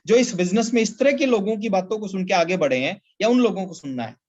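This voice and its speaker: A man's voice: high-pitched, animated, fast talker. A man giving a motivational business talk in a webinar, emphatic and repetitive, often addressing listeners as sir. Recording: slightly dull lo-fi audio.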